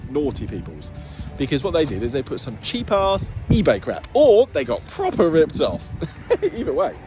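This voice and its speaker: A British car dealer filming a repair vlog chats about his own work over music, his slightly high voice swinging hugely in pitch at a moderate pace. He's playful and jokey, drifting into silly baby-talk words.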